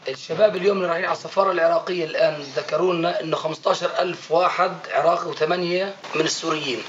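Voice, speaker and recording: Man, eager, deferential, very fast, high voice, lo-fi tape. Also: fairly even intonation. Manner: eager, deferential, keeps saying "sheikh". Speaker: student reporting news. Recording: dull lo-fi tape with faint hiss.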